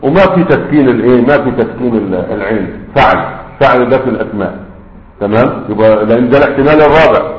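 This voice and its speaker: A man with an Egyptian Arabic accent teaching a grammar lesson, explaining step by step and often checking that his students follow. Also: mid-range voice. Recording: roomy, dull lo-fi lecture recording.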